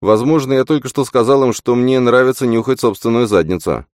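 A man's voice: mid-range voice, a little fast, darkish tone, no echo, clean studio sound, voice pushed up, natural voice. A man voicing a young prince who speaks in a wry, self-mocking way. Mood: sheepish. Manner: wry, sardonic.

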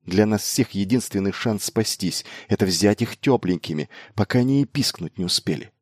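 A man voicing a brash, quick-witted young male noble commander who talks insistently and urgently. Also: fairly low pitch, animated, dry recording, studio quality. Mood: grim urgency.

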